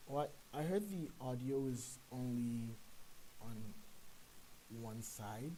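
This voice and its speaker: This Nigerian man's voice is mid-range, warm and expressive, slow-paced on a rough recording. He's a streamer and 3D sculpting artist making casual live-stream chat as he works. He comes across as self-conscious, nervous and hesitant over a hissy mic.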